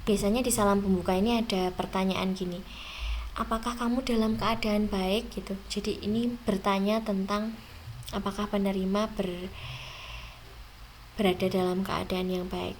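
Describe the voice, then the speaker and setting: This young woman leads an exam review, talking straight to her students at a slow pace and drawing out key words. Her mid-range voice moves little in pitch, and there's a bit of background noise.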